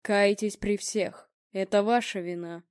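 A woman's voice: mid-range voice, fairly even intonation, a little mellow, clean tone, no room sound, clean studio sound, close to an everyday voice. Будимир, a woman voicing a stony clairvoyant man. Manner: slow, stony, cold. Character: eerie male clairvoyant, stony and accusing.

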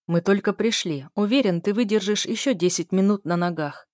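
A woman reading aloud, voicing a cold, emotionless man who speaks flatly. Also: medium pitch, a little fast, no echo, studio quality, lightly acted. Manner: flat, emotionless. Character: cold, indifferent man, the sister's husband.

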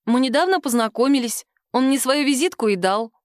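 A woman voicing a timid young female office worker who squeaks and bleats her replies. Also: animated, fairly quick, dry recording, studio quality. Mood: coy.

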